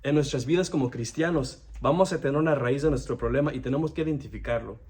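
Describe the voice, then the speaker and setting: Preaching a devotional sermon, a young man from the United States speaks earnestly but haltingly, frequently starting his sentences over. His voice is medium-pitched and somewhat dark.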